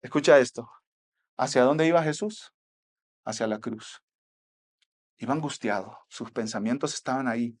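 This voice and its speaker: Pausing often and speaking at a moderate pace, a Mexican-accented man delivers a sermon as pastor. His mid-range voice swings from quiet asides to loud exhortation.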